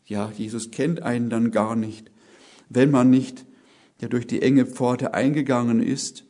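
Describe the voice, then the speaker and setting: A man's voice: mid-range voice, fairly even intonation, dark tone. A man preaching an earnest sermon, often adding "ja?" as he speaks. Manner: slow, earnest, emphatic with many "ja?" asides.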